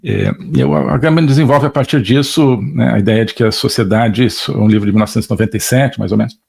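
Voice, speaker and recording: A man's voice: medium pitch, quick pace, gravelly, darkish tone, husky. A middle-aged man with a Brazilian Portuguese accent giving an online political lecture, hesitant, full of fillers and tag questions.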